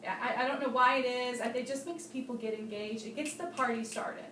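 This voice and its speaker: A woman's voice: a little high, fairly even intonation, a little fast, pushed and bright, a little hiss or hum. A woman giving a bubbly, chatty Tupperware party training demonstration to a small group, laughing often. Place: room with guests at a party demo. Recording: roomy sound from a distant mic.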